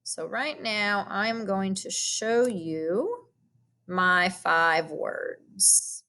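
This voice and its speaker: Slow, patient woman teacher explaining a lesson. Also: medium pitch. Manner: patient and explanatory, with soft filler hums. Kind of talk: recorded classroom lesson walkthrough.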